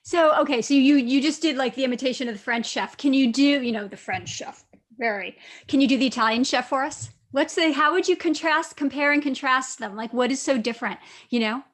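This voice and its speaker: Woman interviewer, really high voice, rambly casual questions. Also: fairly quick, fairly bright tone. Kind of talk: conversational interview.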